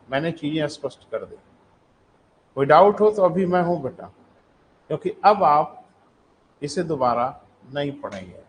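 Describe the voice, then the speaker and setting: High-voiced teacher dictating notes. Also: male voice, slight background noise, poor audio. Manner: addresses students as "beta", dictates notes, asks check questions. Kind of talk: live online classroom lecture.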